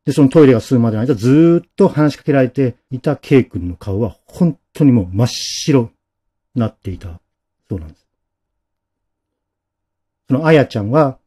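A man tells a ghost story in a dramatic way, his voice sinking to a near hush at the tense parts. His tone is mellow and slightly husky, and his pitch rises and falls with lively range. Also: moderate pace, long pauses. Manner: dramatic, dropping to a hush at key moments.

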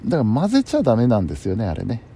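A man's voice: mid-range voice, wildly swooping pitch, rapid-fire, gravelly, warm tone. A man chatting casually and alone as the host of a bedtime talk show, musing to himself in a polite, conversational way. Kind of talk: casual solo chat. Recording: faint background noise.

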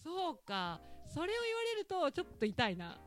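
With an Ehime Japanese accent, a woman hosts a casual talk-radio-style podcast with her daughter, chatting, teasing, and laughing often. Her voice is high, swings hugely in pitch, and moves at a normal speed. Faint music plays behind her.

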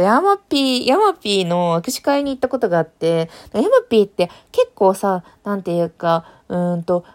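A woman's voice: mid-range voice, a little mellow. A woman hosting a casual solo podcast, rambling about TV dramas with many fillers, thinking aloud. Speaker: podcast host.

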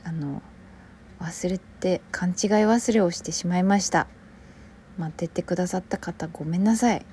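A woman with a Kansai Japanese accent talks on her own solo show in a relaxed, rambling way. Her voice sits a little low and sounds warm and mellow, and it often sinks to a soft near-whisper. A faint hiss sits under it. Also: moderate pace. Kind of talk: casual solo podcast chat.

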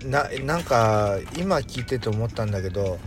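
A man co-hosting a casual podcast, responsive and colloquial, often chiming in with quick agreement. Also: on the low side, animated, faint music behind. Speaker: podcast co-host. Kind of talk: casual chat.

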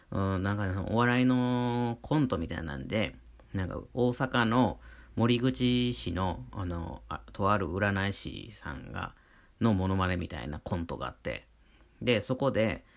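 Low-voiced Kansai man chatting casually. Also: gravelly. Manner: chatty, rambling, full of fillers. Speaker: artist hosting his own talk channel. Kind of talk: casual solo monologue.

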